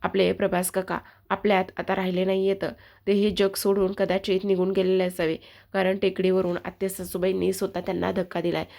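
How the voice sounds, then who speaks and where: A woman narrator voicing a frantic young wife who pleads with her family and keeps repeating herself. The voice stays flat in pitch, with a gravelly, creaky edge. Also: brisk, natural voice. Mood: pleading.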